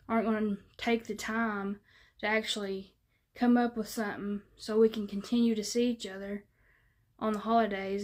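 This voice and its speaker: A woman's voice: medium pitch, darkish tone. A woman chatting casually to her viewers in a folksy, rambling way, with lots of fillers. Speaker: vlogger. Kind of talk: casual chat to camera.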